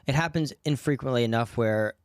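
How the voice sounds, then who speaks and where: A man, a stand-up comedian co-hosting a podcast, chatting casually and telling animated stories with frequent laughs. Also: medium pitch, fairly quick, clean tone, no echo, studio quality. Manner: animated storytelling, laughs often. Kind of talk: casual chat.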